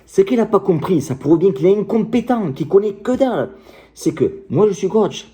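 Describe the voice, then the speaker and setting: A man's voice: high voice, lively intonation, normal speed, warm tone. A middle-aged man, a martial arts coach, ranting to camera in a combative, passionate and crude way. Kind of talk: direct-to-camera rant.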